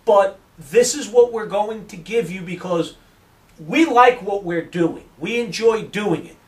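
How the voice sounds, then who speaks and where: A man with a fairly high voice talks sports with passion and strong opinions. He sounds a little distant from the microphone, as in a casual podcast recording. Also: measured pace. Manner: opinionated, energetic, promotional. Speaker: sports radio host and regular guest.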